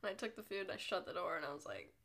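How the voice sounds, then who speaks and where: Racing along with lively intonation, a young podcast host talks in a lowish, gravelly, slightly bright voice. A cold has left her congested, and her solo chat is casual, rambling and self-deprecating.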